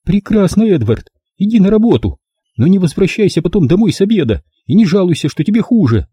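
A man's voice: high voice, big pitch swings, a little fast, warm tone, slightly rough, no room sound, voice pushed up, full character voice. A man voicing a fussy, anxious middle-aged mother who nags her grown son in an audiobook. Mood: fretting. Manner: smothering, nagging. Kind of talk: audiobook character voice.

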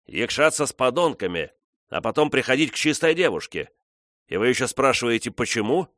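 A man reading the part of a blunt, gruff old frontiersman in an audiobook. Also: medium pitch, very animated, fairly quick, fairly bright tone, no echo, clean studio sound, pitched above the performer's own voice. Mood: scornful.

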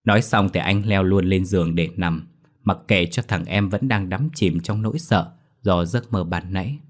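A man narrating a ghost story in a brisk, lively reading. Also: low voice.

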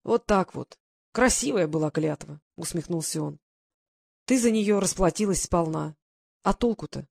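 A worn-down older man who has served hard time, as a woman reads him aloud in a storybook. He talks heavily and resignedly in a lowish voice. The sound is close and dry. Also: animated, normal speed, vocal fry, darkish tone, no room sound. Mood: bitter. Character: weary aging male ex-convict father.

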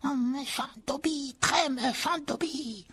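A woman voicing a high, fretful male house-elf. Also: moderate pace. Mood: anxious. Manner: pleading, fretful and self-punishing. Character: timid pleading male house-elf servant. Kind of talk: dramatized audiobook reading.

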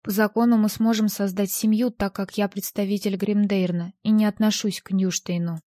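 A woman's voice: medium pitch, flat delivery, normal speed, dark tone, no echo, clean studio sound, natural voice. A woman voicing a jealous, vengeful young man in an audiobook, speaking in a cold, mocking way. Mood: menacing.

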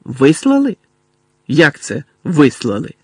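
A man's voice: a little high, huge pitch swings, takes it slowly, husky, dry recording, studio quality, exaggerated voice. A man voicing a strict older female professor who asks clipped, commanding questions. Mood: stern.

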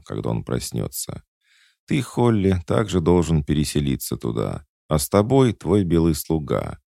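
A man with a deep, gravelly voice reading the lines of a proud, jealous immortal queen who speaks coldly and commandingly. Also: warm tone, no echo, studio quality, exaggerated voice. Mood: calm, superior. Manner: cold, imperious, mocking.

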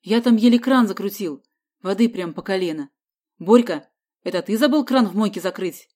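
A woman voicing a short-tempered middle-aged man who snaps and scolds loudly. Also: medium pitch, moderate pace, lightly acted. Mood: scolding. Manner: snapping, scolding, loud.

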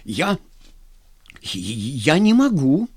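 A man's voice: a little high, big pitch swings, slow, pitched above the performer's own voice, exaggerated voice. A man voicing a cowardly young lieutenant who pleads and stammers. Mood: panicked.

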